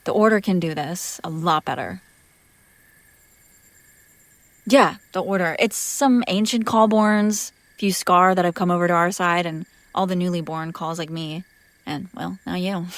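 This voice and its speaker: Here a woman performs a young vampire character, loving, playful in her teasing and protective, in a roleplay audio drama; her delivery is halting, relaxed and close, sliding into breathy whispers. The voice sits lowish and is close to everyday speech, recorded without echo, and her mood is reassuring yet hesitant.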